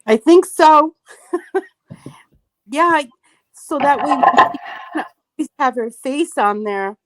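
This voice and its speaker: Emotional gushy woman on a livestream, talks slow, kinda high. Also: expressive, no room sound. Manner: effusive, gushing, emotional. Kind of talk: casual livestream chat.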